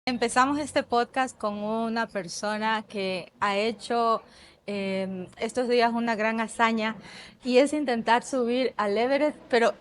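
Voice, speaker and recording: A woman hosts a relaxed podcast chat, her voice sitting a little high. She talks in a friendly, chatty way. A faint café murmur hums behind her. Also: measured pace, slight background noise. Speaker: podcast host. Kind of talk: casual interview.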